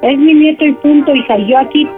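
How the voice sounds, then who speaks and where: A woman's voice: high-pitched, quick pace, faint music behind. A middle-aged woman on the phone, a firm and protective mother who keeps cutting in with "a ver". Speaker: prank call target, mother. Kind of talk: phone conversation. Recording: tinny phone line.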